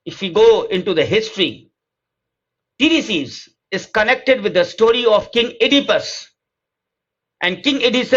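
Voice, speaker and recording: Male lecturer; high-pitched, unhurried, asks the class questions and answers them; muffled recording. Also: a bit bright. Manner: slow, deliberate English lines and rapid Hindi explanations. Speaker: literature teacher. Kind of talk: lecture mixing Hindi and English. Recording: dull lo-fi recording.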